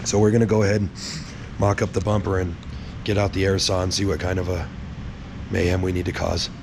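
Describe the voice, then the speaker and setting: A man speaks in a raspy, worn-out voice, hoarse and low, with heavy fry. He explains hands-on work casually and bluntly, swearing freely. There is clear noise behind him. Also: little pitch movement, a little fast. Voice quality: raspy, strained, gravelly voice. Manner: blunt, swearing, laid-back. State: hoarse, sick with little voice. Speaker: host of a truck build vlog.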